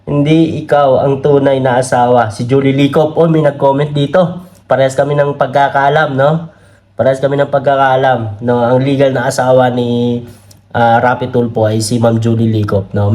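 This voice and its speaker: A man with a Filipino accent speaks at normal speed in a mid-range, darkish voice with a steady tone. Over a camera mic he gives laid-back political commentary, laughing regularly, using many tag questions, and reading comments aloud from his screen.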